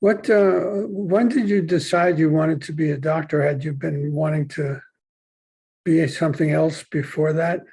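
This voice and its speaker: Slightly husky male podcast host. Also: a little high, fairly even intonation, measured pace, darkish tone, poor audio. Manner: hesitant, chatty questions. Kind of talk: conversational interview.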